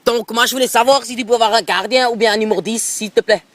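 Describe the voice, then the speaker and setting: In a prank phone call, a man plays a pushy, rambling middle-aged football coach with an Alsatian accent who keeps repeating filler tags. His pitch is extremely high, his tone steady and a bit bright, and he talks fast into a phone held close to his mouth.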